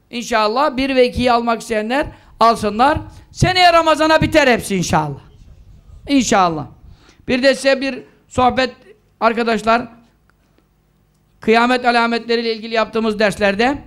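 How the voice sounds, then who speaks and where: High, clear-voiced preacher at a pulpit microphone. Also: male voice, a bit bright. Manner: earnest, exhorting, rising high when stressing points. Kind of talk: mosque talk with announcements and prayers. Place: mosque.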